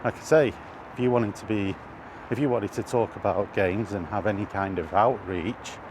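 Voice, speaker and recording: At a moderate pace and fairly low pitch, a middle-aged British man rambles as he vlogs on a walk through an urban area, hesitating over words frequently. Street and vehicle noise come through clearly in this noisy outdoor recording.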